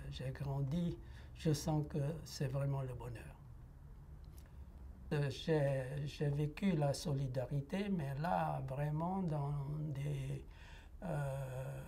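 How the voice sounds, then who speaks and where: In an interview, a Lao man in his sixties reflects on his life, offering personal testimony in a mellow voice on the high side. His pace is slow and halting, broken by frequent pauses and fillers, over faint background noise.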